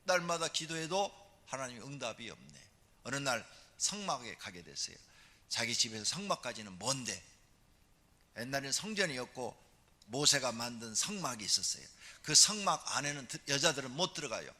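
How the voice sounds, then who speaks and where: A male pastor preaches with animated storytelling, his pitch leaping and dropping. His voice is bright and a little husky, and it rings in the long reverb of a church sanctuary. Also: normal speed. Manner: animated storytelling, calls for amen responses. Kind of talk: sermon.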